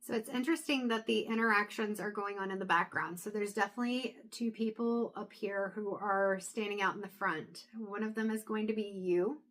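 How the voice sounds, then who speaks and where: Speaking to camera, a woman lays out tarot cards and reads them intuitively in a relaxed, chatty manner, full of fillers and false starts. Her pitch is ordinary, but her voice is wearing hoarse and thin, with occasional throat-clearing.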